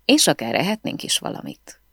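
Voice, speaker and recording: A woman's voice: sits low, wildly swooping pitch, fairly bright tone, slightly rough, no echo, full character voice. A woman reading an audiobook voices a wry, flirtatious male private detective who talks in a dry, muttering way.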